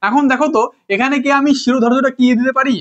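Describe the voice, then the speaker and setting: High-voiced man tutoring grammar. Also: fairly even intonation, very fast, fairly bright tone. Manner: repeats words and asks rhetorical questions; self-correcting, apologizes for slips. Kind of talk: informal classroom lesson, addressing students. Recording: dull lo-fi recording.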